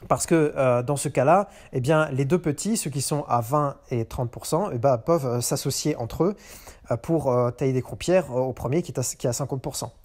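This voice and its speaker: Sitting in a car, a male podcast host delivers an unscripted monologue on economics, hesitant and full of fillers and restarts. His voice is mid-range and darkish, at a normal speed.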